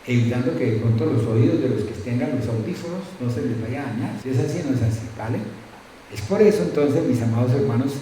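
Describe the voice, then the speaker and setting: A man's voice: medium pitch, dark tone, slight background noise. A middle-aged male pastor preaching a sermon conversationally, with frequent tag questions and acted-out anecdotes. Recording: very echoey church room.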